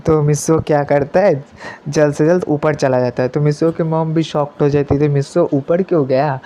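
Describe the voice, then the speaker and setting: A man's voice: on the high side, fairly even intonation, moderate pace, dark tone. Rambling casual male storyteller. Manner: repetitive, rambling narration. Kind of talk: casual fan-fiction storytelling.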